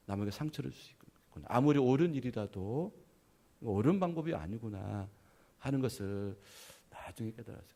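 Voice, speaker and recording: A middle-aged man, a pastor, giving a conversational sermon. He tells stories, keeps adding "yes", and swings between loud emphasis and soft, trailing phrases. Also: medium pitch. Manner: conversational storytelling with frequent "예" affirmations.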